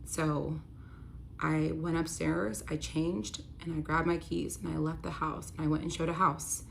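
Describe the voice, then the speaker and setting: Low-voiced woman telling a candid story. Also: little pitch movement, a little slow, vocal fry, a little hiss or hum. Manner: earnest, emotional, heavy use of "like". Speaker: vlogger telling a personal story.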